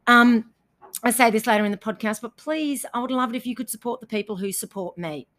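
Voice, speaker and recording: A woman's voice: fairly high pitch, fairly quick, fairly bright tone. An Australian woman hosting a podcast, chatting casually and upbeat, with easy laughs and plenty of fillers, in a cabin. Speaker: podcast host and running coach. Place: indoors in a cabin.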